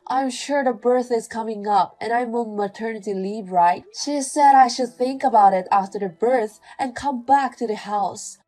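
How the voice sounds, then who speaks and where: A woman voicing a pregnant young wife who is apologetic and worn down, speaking softly and pleadingly in a scripted domestic drama. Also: fairly high pitch, normal speed, few pauses, lightly acted. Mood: explaining.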